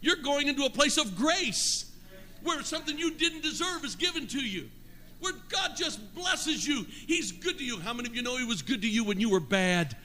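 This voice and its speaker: An older male pastor preaching live in a church, his voice high and bright as it rings through a reverberant sanctuary. He swings from plain storytelling to fervent calls, asking the congregation to answer back. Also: expressive, moderate pace. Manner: preaching with rising fervor, asks the congregation for responses. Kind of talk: sermon. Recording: live church sound with long hall reverb.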